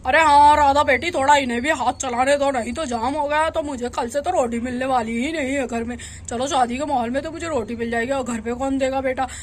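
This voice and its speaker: A cranky, boastful old village uncle, voiced by a woman, who squabbles and teases in a fairly high voice. He acts younger than he is in a doll storybook tale. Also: fairly quick, few pauses, slight background noise, natural voice. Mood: teasing. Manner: bickering, teasing.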